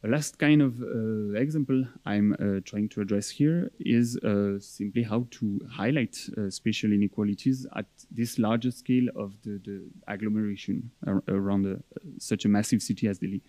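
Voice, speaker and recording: Young male researcher for a conference talk: mellow, measured and hesitant, closely dry recording. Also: lowish voice, steady tone, no echo. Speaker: academic researcher presenting. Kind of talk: conference presentation.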